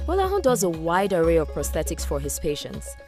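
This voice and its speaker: A woman's voice: lowish voice, huge pitch swings, fairly quick, music in the background. A woman reading scripted narration for a television news feature. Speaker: narrator, reporter.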